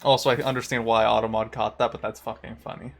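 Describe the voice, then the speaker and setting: A man's voice: mid-range voice, flat delivery, fast talker, vocal fry. A man live-streaming a video game, chatting casually with lots of swearing and bro slang. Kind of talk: casual live-stream chat while gaming.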